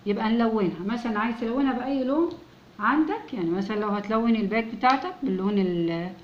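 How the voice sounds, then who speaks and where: A woman with an Egyptian Arabic accent teaching a children's English lesson, patiently repeating words slowly so the children can echo them. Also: fairly high pitch, highs cut off, a little hiss or hum.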